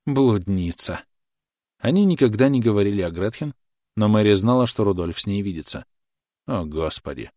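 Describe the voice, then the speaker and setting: A man narrating an audiobook in a measured, expressive way. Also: on the low side, dry recording, clean studio sound.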